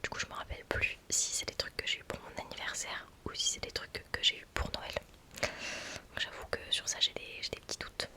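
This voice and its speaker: A woman whispering casual ASMR chat very close to the mic, right in the listener's ear, in an informal, excitable, self-deprecating way. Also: a little fast. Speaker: ASMR content creator. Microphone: close budget USB microphone with pop filter.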